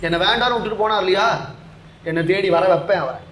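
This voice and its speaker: A proud young goddess, defiant and insistent, who will not be turned from her purpose, as a male discourse speaker puts her on. The voice is high, with a roomy echo behind it. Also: quick pace, fairly bright tone, slight background noise.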